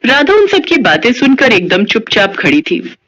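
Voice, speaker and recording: A woman narrating a scripted children's story with steady storytelling. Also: a little high, normal speed. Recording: dull lo-fi audio.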